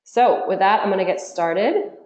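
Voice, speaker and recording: A woman's voice: medium pitch, lively intonation, moderate pace, a little mellow. A woman with a nasal voice from a cold, hosting a live webinar in a friendly, chatty way with frequent ums. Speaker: webinar host. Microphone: computer mic on a web call. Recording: echoey room on a web call.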